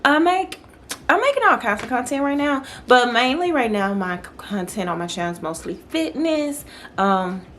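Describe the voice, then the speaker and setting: A woman's voice: on the high side, animated, normal speed, a bit bright, a little hiss or hum. A woman, talking casually to camera in a sit-down vlog, with plenty of fillers and restarts. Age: 30s. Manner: talkative, conversational, with frequent fillers and restarts. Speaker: vlogger. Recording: music playing in the background.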